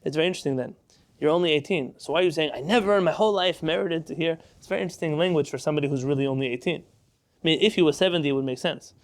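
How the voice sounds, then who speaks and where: A man leads a Talmud lesson with a somewhat raised pitch, working through each passage step by step. He often poses a question to the class and then answers it himself. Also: racing. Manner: explains step by step, asks and answers own questions. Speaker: Torah class teacher.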